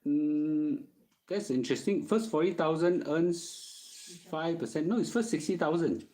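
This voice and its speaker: Over poor audio, a middle-aged man with a Singaporean accent answers personal finance questions as a host, using casual Singlish and frequent "okay?" check-ins. His fairly high, mellow voice moves a little slowly.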